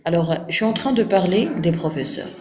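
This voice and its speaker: Over the sound of a crowd, a woman from Morocco talks fairly quickly in French, her fairly low voice lively in intonation and marked by the accent of her native Arabic. It's casual live-stream talk: she responds to viewers firmly and didactically, punctuating points with "ok?" to check they agree.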